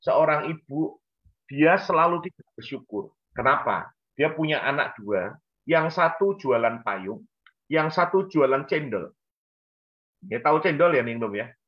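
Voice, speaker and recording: A man with a fairly high voice tells a story on a church talk show. He is animated and acts out the voices of the people in his story. The recording sounds dull and lo-fi. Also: unhurried.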